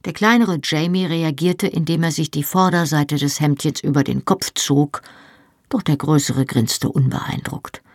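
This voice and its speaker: Gravelly-voiced audiobook narrator. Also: medium pitch, fairly even intonation, a little slow, dry recording, studio quality. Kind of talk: scripted first-person narration.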